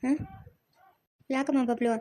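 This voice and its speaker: A woman's voice: high voice, fairly even intonation, a little slow, mellow. A woman playing a worried grandmother who soothes her crying grandson and refuses to send him away, in a homemade family drama. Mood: puzzled. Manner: soothing, pleading, protective.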